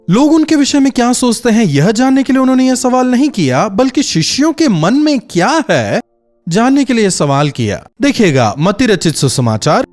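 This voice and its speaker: A man preaching a daily devotional message in a high, lively voice that swoops up and down as he asks his listeners question after question. Soft music plays faintly underneath. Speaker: pastor.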